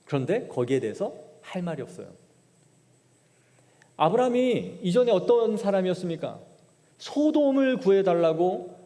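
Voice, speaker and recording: A male pastor preaches in a church sanctuary, retelling scripture with dramatic paraphrase. His voice is mellow and dark, and his pitch rises and falls a great deal. A long church-hall reverb trails behind every phrase. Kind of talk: sermon.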